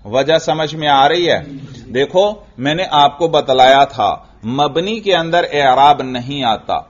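A man teaching an Arabic grammar lesson, asking his students questions, answering them himself, and drawing out the example words slowly. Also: fairly high pitch. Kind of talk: classroom lesson. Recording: dull lo-fi recording.

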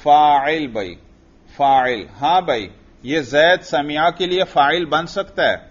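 A man teaching Arabic grammar, patiently quizzing a student and repeating each answer back. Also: on the high side. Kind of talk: patient classroom drilling. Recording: lo-fi recording.

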